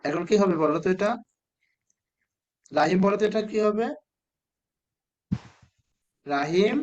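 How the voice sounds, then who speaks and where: A man teaching a children's spelling class, with a slightly high voice. He speaks patiently and says each word slowly. He keeps asking the pupils to answer. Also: a little mellow, dull audio. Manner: patient, repeats words slowly and asks the children questions.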